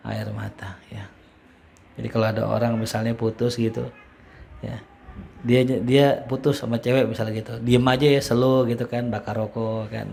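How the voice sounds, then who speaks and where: A man's voice: mid-range voice, vocal fry, darkish tone. Brief: male ustadz, playful lecture tone, Arabic quotes, faint background hiss. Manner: joking, colloquial, reads Arabic phrases then explains. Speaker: ustadz teaching a religious study class. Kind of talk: casual Islamic study lecture.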